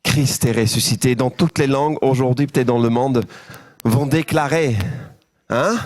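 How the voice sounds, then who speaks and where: A man's voice: mid-range voice, moderate pace, a little mellow. A man preaching a sermon as pastor, joyful and engaging his congregation with questions. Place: church.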